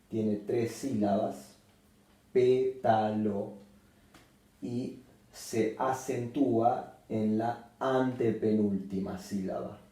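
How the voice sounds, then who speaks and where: A man teaches a grammar lesson at a very slow, deliberate pace, repeating each example word. His voice is mellow and dark. He stands away from the mic in a strongly echoing room. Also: on the low side, distant mic. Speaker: Spanish teacher.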